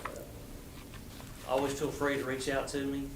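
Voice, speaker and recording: A plain-spoken man from southwest Virginia talking haltingly and informally as a utility contractor at a meeting. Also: medium pitch, monotone. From southwest Virginia area. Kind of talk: informal self-introduction and answers at a meeting. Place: indoor council meeting room. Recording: echoey room with clear background noise.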